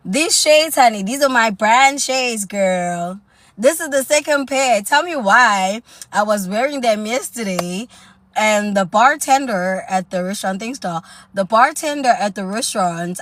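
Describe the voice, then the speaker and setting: A young South African woman with a South African accent chats sassily on a casual live stream about dating and lifestyle, calling her viewers "honey" and "girl." Her voice is mid-range and fairly bright, with no echo.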